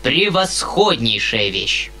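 A man's voice: medium pitch, sing-song, slow, sharp tone, full character voice. Man doing a blustering fat landowner. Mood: effusive. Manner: boisterous, folksy.

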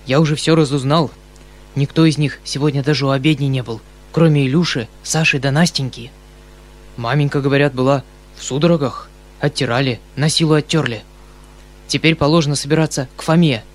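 A man's voice: fairly high pitch, natural voice. A man voicing a kindly, flustered uncle who speaks hurriedly and anxiously. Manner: hurried, fretful.

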